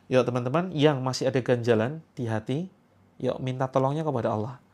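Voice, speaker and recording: A man leads a ruqyah healing session. He gives quick instructions and stern commands. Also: medium pitch, a little mellow. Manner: chants the call to prayer slowly, then gives quick instructions and stern commands. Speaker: spiritual healer leading a ruqyah session. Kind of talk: guided prayer and healing instruction.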